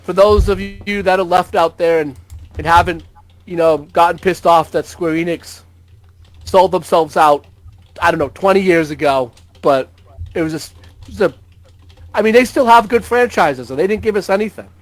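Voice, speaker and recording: High-voiced man in mock-dramatic doom. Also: normal speed, no echo. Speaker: podcast co-host. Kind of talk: casual gaming podcast chat.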